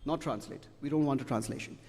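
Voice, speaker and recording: This middle-aged debate judge gives students spoken feedback that is emphatic and repetitive, closing each point with "okay?". His voice is mid-range and darkish, and he talks quickly. A long hall reverb hangs on the recording.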